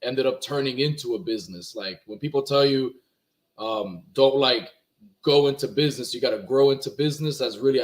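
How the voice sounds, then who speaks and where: A young man from Miami whose first language is Spanish, talking casually as a guest with lots of fillers and restarts. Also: medium pitch. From Miami, Florida. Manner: laid-back, rambling, many fillers and restarts. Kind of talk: casual interview talk.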